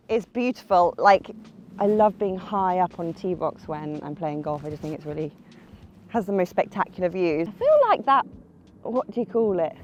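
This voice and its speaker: A woman's voice: medium pitch, a little mellow, dull audio, slight background noise. A young woman narrating her own golf round outdoors, chatty and self-mocking, talking herself through each shot. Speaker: golf vlogger. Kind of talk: casual running commentary while playing golf.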